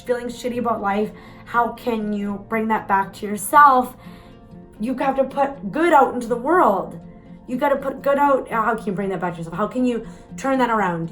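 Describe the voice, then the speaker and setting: A woman's voice: fairly high pitch, moderate pace, fairly bright tone, soft background music, rough recording. A woman, telling a candid, chatty story to the camera, with some mild swearing. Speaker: vlogger.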